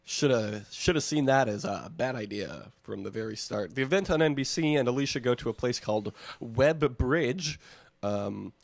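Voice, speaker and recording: A man's voice: mid-range voice, expressive, normal speed, gravelly, no room sound. Joking man from Michigan, dry sound. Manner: joking, sarcastic, swears. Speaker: podcast co-host. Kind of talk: casual chat recapping a reality show.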